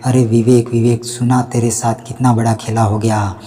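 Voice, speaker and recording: A man voicing a stern, traditional mother-in-law in a storybook reading, scolding in a flat, level way. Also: mid-range voice, moderate pace, big-room sound, natural voice.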